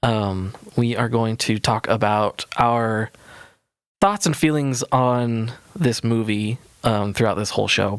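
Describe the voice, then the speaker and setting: A man's voice: mid-range voice, clean tone, no echo. A man in his thirties hosting a casual podcast, reading a written intro aloud and tripping over long words. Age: 30s. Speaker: podcast host.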